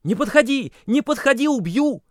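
A man doing a shrill, panicky young boy. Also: lively intonation, moderate pace, no room sound, clean studio sound. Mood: terrified. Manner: hysterical, stammering, shrill.

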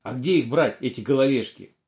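A man's voice: mid-range voice, brisk, darkish tone, close to an everyday voice. A man voicing a picky, stubborn young boy in a storybook reading, whiny and argumentative. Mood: worried. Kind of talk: storybook character voice.

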